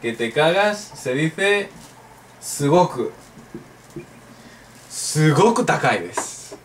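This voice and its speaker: A man's voice: fairly high pitch, very animated, extremely slow, distant mic, slight background noise. Playful man teaching Japanese. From Spain. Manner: playful, jokey, drills phrases aloud. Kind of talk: online language lesson.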